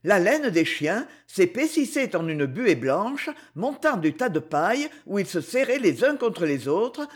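A woman narrating a novel chapter in a measured, expressive reading voice. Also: medium pitch, breathy edge. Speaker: audiobook reader.

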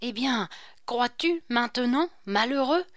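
A woman reading aloud and voicing a frightened, superstitious male king who speaks in a hushed, trembling way. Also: fairly high pitch, expressive, slow, no echo, clean studio sound, voice pushed up.

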